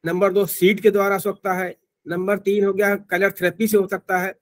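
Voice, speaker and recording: Halting man teaching acupressure. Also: high voice, level tone. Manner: informal, halting explanations with many restarts. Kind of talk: online class lecture.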